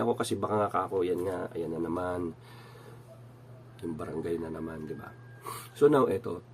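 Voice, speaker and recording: Middle-aged man, nasal with a cold, low voice, rambling storyteller, light hiss behind. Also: a little mellow. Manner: rambling, with many fillers and restarts. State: has a cold. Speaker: channel host. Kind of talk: casual personal storytelling.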